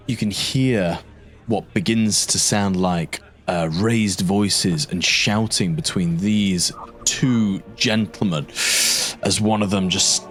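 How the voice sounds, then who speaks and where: A man narrating an improvised tabletop game as its game master. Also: on the low side. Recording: music under the voice.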